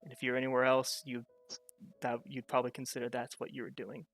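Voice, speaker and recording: A game master slowly narrating a tabletop role-playing scene, pausing and restarting as he searches for words. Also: medium pitch, little pitch movement, no room sound, soft background music. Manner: halting, searching narration with many fillers.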